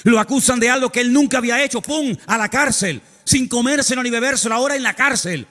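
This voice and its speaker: A man's voice: very high-pitched, quick pace, pushed and bright, long reverb tail. A male pastor preaching a sermon in a church, telling the story dramatically with emphatic repetitions and asides.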